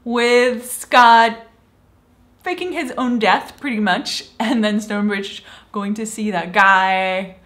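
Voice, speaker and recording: Her voice on the high side and fairly bright, a young woman from Switzerland speaks at a slow pace while casually reviewing a TV show in a small room. She's enthusiastic and frequently acts out quoted lines playfully.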